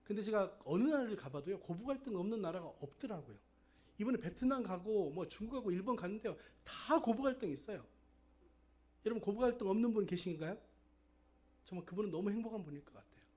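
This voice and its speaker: A man's voice: high voice, expressive, fast talker, a little mellow. A middle-aged male pastor preaching a sermon, telling everyday stories and putting rhetorical questions to the congregation.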